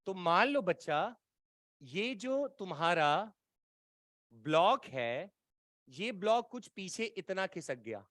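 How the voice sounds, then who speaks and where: A man's voice: high voice, very animated, slow, pauses often, a bit bright, dry recording, studio quality. A man teaching an exam-prep physics lecture, coaxing and colloquial, often checking whether students follow. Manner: colloquial, playful teasing tone.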